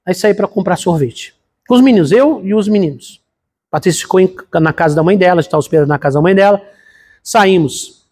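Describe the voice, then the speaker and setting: Middle-aged male Brazilian pastor, high husky voice, chatty sermon delivery. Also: fairly quick, a little mellow. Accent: Brazilian Portuguese. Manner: conversational, addresses congregation as brothers. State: congested from a cold. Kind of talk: sermon with personal story.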